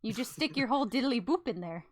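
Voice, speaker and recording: A woman's voice: fairly high pitch, expressive, quick pace. A young woman hosting a casual gaming chat, swearing, laughing and mimicking game sounds with her voice. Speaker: streamer host.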